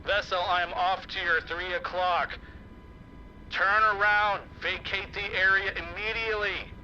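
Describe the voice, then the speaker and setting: A stern Coast Guard radio operator , played by a man, barks firm, clipped orders over a marine radio link. The voice sits high for a man and comes through very bright and edgy. The sound is muffled and narrow, with a faint hiss behind it. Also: steady tone, unhurried, heavily acted. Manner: firm, clipped official commands. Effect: marine radio transmission.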